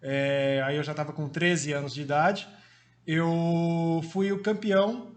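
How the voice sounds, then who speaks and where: A man's voice: fairly high pitch, level tone, slow. A man in his forties from Brazil, a former marathon runner telling his story as a guest in a friendly, casual way, with fillers. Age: 40s.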